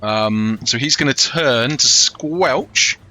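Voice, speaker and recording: A man acting as game master, narrating a tabletop role-playing game in a casual, improvised and halting way. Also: mid-range voice, pushed and bright, no echo, rough recording.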